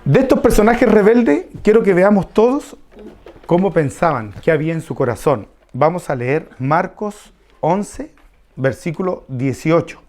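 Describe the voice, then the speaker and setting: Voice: medium pitch, lively intonation, a little slow, darkish tone. A preacher teaching a Bible passage to a congregation, repeating key phrases and asking them questions. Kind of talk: expository Bible study sermon.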